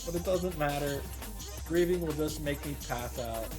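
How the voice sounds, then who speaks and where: A man with a fairly high-pitched voice, speaking at normal speed, dramatically and earnestly voices a visual novel's first-person narration while commenting on it. The background has game music.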